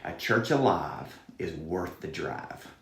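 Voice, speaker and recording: Here a Southern-accented man with a deep voice, a student pastor appearing as a podcast guest, talks slowly but very animatedly. Earnest and preacherly, he cites scripture in a roomy-sounding space.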